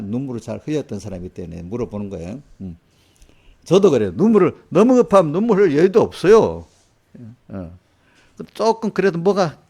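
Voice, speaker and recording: A man's voice: mid-range voice, warm tone. An older man preaching a sermon as a pastor in a church, talking conversationally with rhetorical questions and acted-out quotes. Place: church sanctuary.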